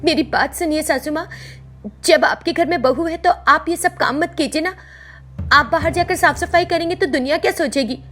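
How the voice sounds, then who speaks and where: A woman's voice: high-pitched, moderate pace, fairly bright tone, faint music behind, pitched above the performer's own voice. A woman voicing a careless, cheeky young daughter-in-law in a storybook cartoon. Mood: coaxing.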